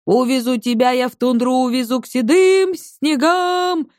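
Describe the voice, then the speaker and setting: A woman's voice: medium pitch, lively intonation, moderate pace, no room sound, clean studio sound, lightly acted. A woman voicing a stubborn old grandmother who answers evasively and wails songs off-key. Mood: wailing song.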